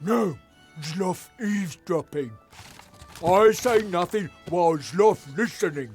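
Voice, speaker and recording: A lumbering, dim male troll from a game, speaking in clumsy broken phrases. His voice sits high and moves slowly. Soft music plays under him. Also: animated. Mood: simple. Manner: broken grammar, slow and simple. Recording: game audio with faint music.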